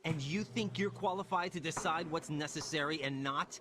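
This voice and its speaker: A man's voice: fairly high pitch, moderate pace, close to an everyday voice. A man playing a defiant young soldier. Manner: tense, defiant. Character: defiant young male soldier, pushing back. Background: game soundtrack music.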